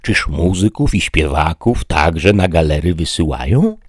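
A man's voice: sits low, animated, unhurried, no room sound, clean studio sound. A man voicing an idealistic, courteous middle-aged knight in a formal, declamatory way. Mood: lofty.

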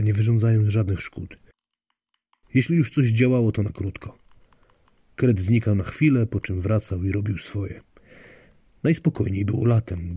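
A man's voice: on the low side, dark tone, breathy edge, no room sound. A man narrating a story in a wry, dry storytelling manner. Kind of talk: audiobook narration.

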